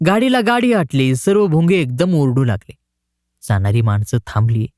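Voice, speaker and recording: A man narrating a short story in an expressive storytelling manner. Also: medium pitch, normal speed, no echo, studio quality.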